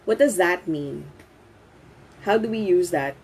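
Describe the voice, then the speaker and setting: A woman from the Philippines with a Filipino accent, giving a live online English lesson in a lively way, mixing in Tagalog and laughing often. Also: on the low side, a little slow, slight background noise. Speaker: English teacher.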